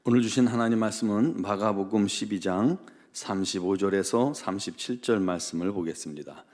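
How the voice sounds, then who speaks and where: A male pastor giving an early-morning prayer sermon. He reads scripture in a measured, formal cadence, then tells stories in a calm, conversational way with frequent "uh" pauses. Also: lowish voice.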